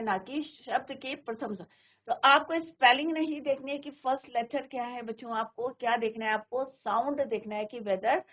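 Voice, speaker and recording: A woman with an Indian accent leads a virtual classroom lesson, posing question after question to the pupils and answering each one herself. Her voice sits fairly high. It comes through a narrow, phone-like channel. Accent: Indian English. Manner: asks pupils questions and answers them herself, mixing Hindi and English. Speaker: English teacher.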